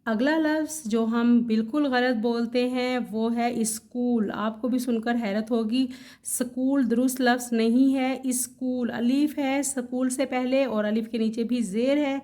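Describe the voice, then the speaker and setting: A woman teaching correct word pronunciation in a vlog lesson, spelling out each word slowly and carefully, correcting herself with casual asides. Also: on the high side, steady tone, a little mellow. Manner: slow, careful spelling out of words letter by letter. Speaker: Urdu language teacher.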